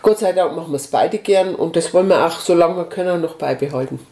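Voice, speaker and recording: Woman in her sixties, chatty volunteer, mellow voice, roomy recording. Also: on the low side, a little fast. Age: 60s. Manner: chatty, lively, affirming with "ne?". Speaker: volunteer with a senior association. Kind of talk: casual interview talk. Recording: echoey room.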